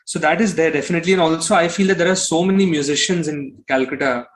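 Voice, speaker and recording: This interview guest is a musician from Kolkata with an Indian accent who talks fast in a fairly high voice, with a little hiss or hum in the recording. His answers are casual, and he often loops back over his phrasing with "you know."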